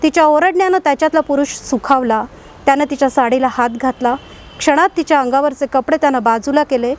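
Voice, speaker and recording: A woman storyteller giving a measured, expressive dramatic narration. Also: sits high.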